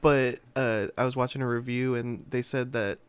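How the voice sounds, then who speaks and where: Male co-host, mid-pitched voice, easygoing, hedges his facts. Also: steady tone, moderate pace, smooth. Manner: easygoing, hedging with "if I'm not mistaken". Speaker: podcast co-host. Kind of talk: casual chat.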